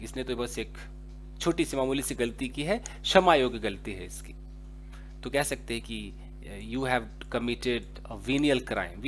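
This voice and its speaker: Lively male English teacher, faint hum. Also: a little high. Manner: reads English definitions slowly, explains in fast Hindi; chuckles at his own examples. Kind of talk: vocabulary lesson in Hindi and English.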